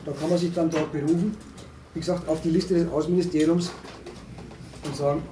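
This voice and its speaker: A man holding forth in a discussion, halting and restarting often, with emphatic rises. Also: on the high side, steady tone, warm tone. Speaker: speaker at a discussion on asylum. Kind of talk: lecturing discussion talk. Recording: echoey room, distant mic, faint noise.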